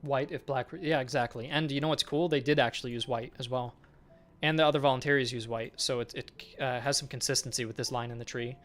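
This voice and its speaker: A man's voice: mid-range voice, steady tone, a little fast, fairly bright tone. A man streaming as a game developer, chatting casually with viewers and thinking aloud while he works. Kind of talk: casual live-stream chat while working.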